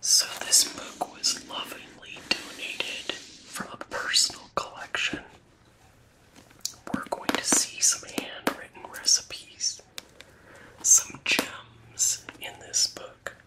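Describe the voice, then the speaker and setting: A woman doing an ASMR whispered role-play as a librarian, in a breathy, unvoiced library whisper, pausing between short phrases. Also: rough recording. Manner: slow, unhurried, with gaps between short phrases. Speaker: ASMR host playing a librarian at a book fair.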